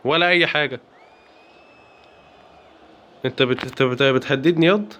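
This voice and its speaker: A man with an Egyptian accent giving excited, playful commentary while playing a football video game. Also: mid-range voice, normal speed, lo-fi sound, a faint crowd. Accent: Egyptian Arabic. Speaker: gaming YouTuber. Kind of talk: live gameplay commentary.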